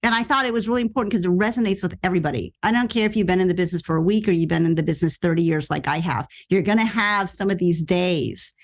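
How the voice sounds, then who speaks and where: A middle-aged actress telling a story in a casual interview, acting out quoted lines with sudden jumps in pitch. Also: female voice, fast, hardly any pauses. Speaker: actress and podcast guest.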